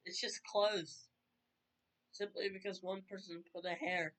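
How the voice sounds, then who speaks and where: Reaction commentator, sarcastic and baffled, slow delivery, bright tone. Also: mid-range voice, level tone. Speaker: video commentator. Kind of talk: reaction commentary over a video.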